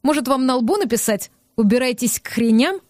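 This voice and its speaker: A woman's voice: a little high, animated, a little fast, darkish tone, no echo, studio quality, natural voice. A woman reading the part of a rude, irritable young man who snaps and sneers in an audiobook. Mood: gruff. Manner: curt, snapping, scornful.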